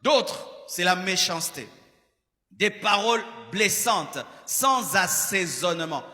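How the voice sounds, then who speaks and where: A man's voice: high-pitched, expressive, takes it slowly, pushed and bright. A man with a Congolese accent giving an admonishing sermon as a pastor, repeating phrases for emphasis. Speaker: pastor preaching. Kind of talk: sermon with acted examples and direct address. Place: large church hall, preaching to a crowd. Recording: reverberant hall.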